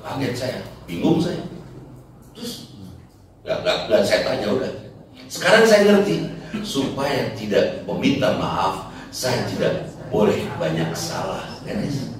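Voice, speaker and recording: A man's voice: mid-range voice, sing-song, takes it slowly, long pauses, slight background noise. A man preaching a humorous sermon, telling jokey stories and asking the congregation rhetorical questions. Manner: joking storyteller, rhetorical questions. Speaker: Islamic preacher. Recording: echoey hall, distant mic, crowd. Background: audience laughter.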